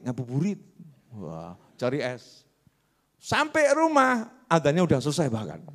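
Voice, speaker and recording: A man preaching a religious lecture, asking the audience questions and answering them himself. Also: fairly high pitch. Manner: acts out characters in anecdotes with shifting voices.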